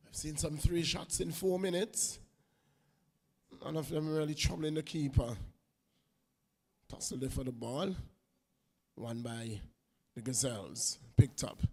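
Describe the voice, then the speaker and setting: A man giving unhurried live play-by-play commentary on a women's football match, lifting his voice when play gets close to goal. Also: a little high, steady tone, a little mellow, long reverb tail. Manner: unhurried play-by-play, rising on attacks.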